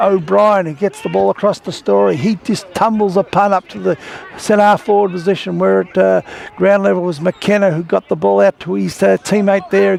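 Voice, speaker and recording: A man calls a suburban football match in a chatty, rambling way, with a gravelly edge in a fairly high voice. He talks outdoors at the ground. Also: darkish tone. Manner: chatty, rambling play-by-play with fillers. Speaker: sports commentator. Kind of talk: local football commentary.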